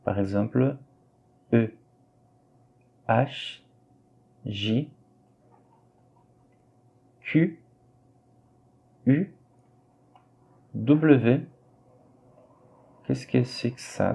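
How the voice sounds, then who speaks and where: A man teaching a French lesson, slowly and patiently repeating words for his students. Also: medium pitch, creaky, warm tone, slightly rough. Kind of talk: classroom explanation while writing on screen.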